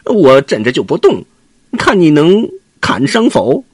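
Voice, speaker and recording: A man's voice: mid-range voice, wildly swooping pitch, moderate pace, fairly bright tone, husky, no room sound, clean studio sound, voice pushed up, heavily acted. A man voicing a boastful, mocking monkey king in a children's story. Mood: taunting. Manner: mocking, laughing, brash.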